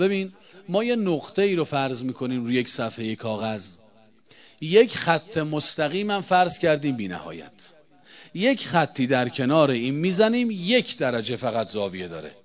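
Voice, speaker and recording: A man giving a religious talk to a gathering, rhetorical and insistent, moving between loud emphatic bursts and quiet low asides. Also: sing-song. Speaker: religious eulogist speaking on mourning rites.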